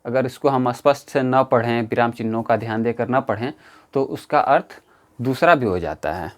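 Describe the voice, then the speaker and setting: Slow, repetitive man teaching grammar. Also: medium pitch. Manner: slow, repetitive, explaining step by step. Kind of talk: exam-prep grammar lesson.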